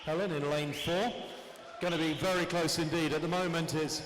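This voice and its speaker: A man calling a swimming heat over a PA system, relaxed and chatty, adding small comments between names and times. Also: on the high side, normal speed. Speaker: swimming meet announcer. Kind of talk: live announcing and race commentary. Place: indoor swimming pool hall. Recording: echoey PA sound in a large hall, with noise.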